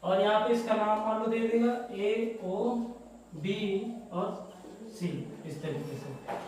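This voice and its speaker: A man's voice: high voice, takes it slowly, darkish tone. A man teaching a maths lesson, explaining step by step and often checking that students follow. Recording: echoey room, heard from a distance.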